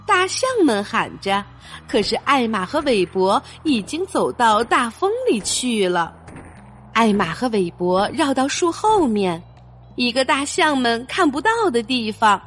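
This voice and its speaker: A woman reading a picture book aloud for children in an expressive storytelling way. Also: on the high side, measured pace, soft background music.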